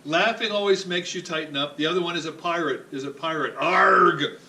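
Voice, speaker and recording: A physical therapist leads someone through an exercise demonstration, talking plainly, cheerfully and with jokes. He speaks fast in a slightly high voice over background noise. He sounds distant from the mic, and the room is echoey.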